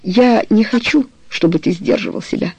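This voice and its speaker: A reader voicing a tired young woman in love who answers softly and hesitantly, in an audiobook. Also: a little high, sing-song, moderate pace, vocal fry, breathy edge, no room sound, voice pushed up, exaggerated voice. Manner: soft, faint, hesitant. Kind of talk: audiobook character reading.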